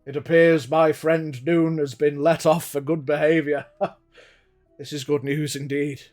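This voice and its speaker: A man voicing a theatrical villainous showman whose booming voice carries across an arena, grandiose and pompous. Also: fairly even intonation, measured pace, darkish tone, faint music behind, natural voice. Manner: pompous, grandiose, quoting stagey lines. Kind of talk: tabletop game master voicing a character.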